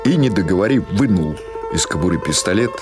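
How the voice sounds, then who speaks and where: A man reads literary prose as an audiobook narrator, brisk and expressive in a low-pitched voice. The storytelling is scripted, and music plays behind him.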